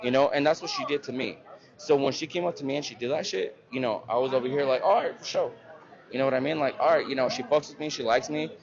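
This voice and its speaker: A man's voice: mid-range voice, fast talker. A young man telling a story in a casual street interview, rambling and full of slang and swearing. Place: busy public spot at night. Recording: muffled audio with crowd chatter.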